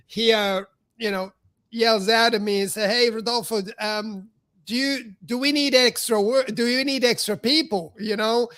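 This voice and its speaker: A man's voice: high-pitched, fairly bright tone, dry recording. A middle-aged man hosting a podcast, telling a story in a casual chatty way, full of fillers and acted-out dialogue. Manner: chatty, heavy on fillers, acts out quoted dialogue. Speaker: podcast host.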